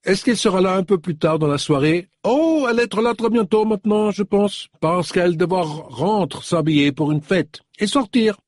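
A man reading an audiobook, voicing a woman with a strong foreign accent who speaks in broken, halting phrases. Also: high voice, no echo, studio quality, voice pushed up. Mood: puzzled. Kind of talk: audiobook character voice.

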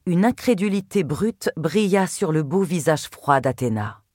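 A woman narrating a first-person literary audiobook in a measured, expressive way. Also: on the low side, no echo, clean studio sound.

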